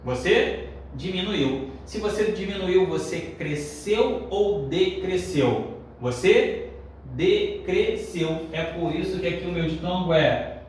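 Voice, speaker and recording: A man teaching a grammar lesson, lively, asking the class questions and answering them. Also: high voice, takes it slowly. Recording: echoey room, a bit far from the mic, faint noise.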